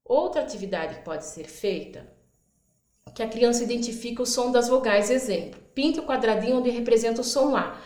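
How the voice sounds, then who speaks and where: A woman teacher with a fairly high voice walks through literacy activities step by step. She stretches words out slowly to show how they break into sounds, then voices her prompts to the children. The recording has a noticeable room echo. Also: darkish tone. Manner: stretches out words for demonstration, acts out classroom prompts. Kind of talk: instructional explainer.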